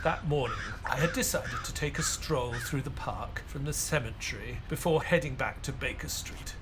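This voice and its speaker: An actor playing Dr. Watson, an earnest Victorian gentleman doctor, in a measured, dramatic audio play style over background ambience. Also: mid-range voice, background noise, natural voice. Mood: sombre narration.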